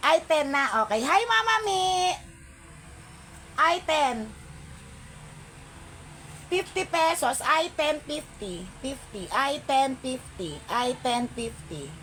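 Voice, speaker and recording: Woman doing a live selling stream, high voice, slow unhurried talk, greets viewers n reads off prices. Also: sharp tone, a little hiss or hum. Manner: chatty, greets viewers by name, calls out item codes and prices; mixes English into her talk. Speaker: online live seller.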